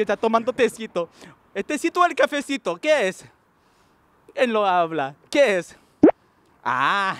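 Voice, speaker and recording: A man's voice: very high-pitched, a bit bright. A man hosting a playful street quiz show, teaching English and teasing as he switches between Spanish and English.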